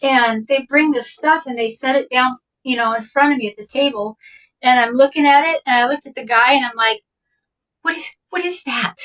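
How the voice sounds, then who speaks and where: A woman's voice: high voice, steady tone, brisk, a bit bright, distant mic, low-quality recording. A woman casually telling a personal story in a chatty, rambling way, laughing often as she talks. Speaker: vintage shop owner telling a personal story.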